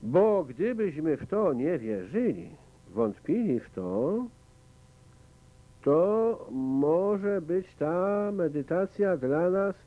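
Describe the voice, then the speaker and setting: A man's voice: a little high, big pitch swings, extremely slow. A man giving a conversational spoken commentary on a meditation as its teacher, often asking his listeners questions. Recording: tinny, phone-like lo-fi recording.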